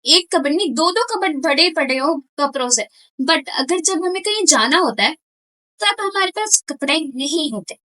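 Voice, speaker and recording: Young woman reaction host, high bright voice, casual direct-to-viewer chatter. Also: animated, normal speed, low-quality recording. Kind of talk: casual video reaction commentary.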